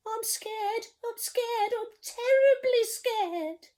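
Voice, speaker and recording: A woman's voice: slow, dark tone, exaggerated voice. A woman doing a trembling, frightened cook. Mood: scared. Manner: high, wavering, fearful. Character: timid trembling male cook, easily scared.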